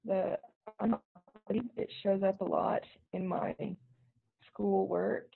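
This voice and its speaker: A hesitant woman answers softly on a video call, her voice gravelly and raspy. The sound is thin and tinny, like a phone line. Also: mid-range voice, flat delivery, slow pace, soft background music. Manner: hesitant, soft-spoken. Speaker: class participant.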